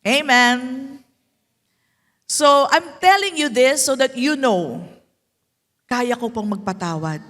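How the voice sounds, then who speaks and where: A woman pastor with a Filipino accent preaching, mixing English and Tagalog with playful asides and slow, drawn-out emphasis. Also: on the high side, expressive, fairly bright tone. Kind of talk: sermon. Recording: echoey hall.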